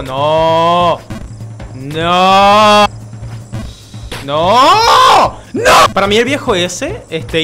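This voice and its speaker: A man narrates his own gameplay in a very bright, sharp voice that swings all over the place. He is excitable and quick to anger, swearing and shouting at the game. He is recording in a room with a noticeable echo. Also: sits high. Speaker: YouTuber playing a video game. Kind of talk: let's-play gaming commentary.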